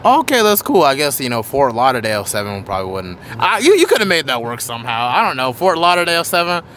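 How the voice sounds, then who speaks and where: A podcast host talks quickly and loosely, rambling between questions and dropping casual curses. His pitch sits in an ordinary middle range, with a faint hum of traffic behind him. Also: sing-song, fairly bright tone. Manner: chatty, rambling, swears casually. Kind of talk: casual interview chat.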